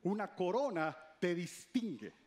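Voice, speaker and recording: A male pastor delivering a sermon in a high voice. His pitch rises and falls sharply as he stresses key phrases. He has the congregation repeat words back to him. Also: sing-song, a little slow, darkish tone. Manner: reads scripture aloud, then stresses key phrases.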